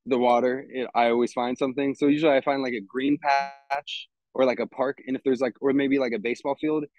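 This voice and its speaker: With no room sound and the highs cut off, this Texan man's medium-pitched voice comes through in a casual conversation. Relaxed and meandering, he curses constantly as he describes events he puts on.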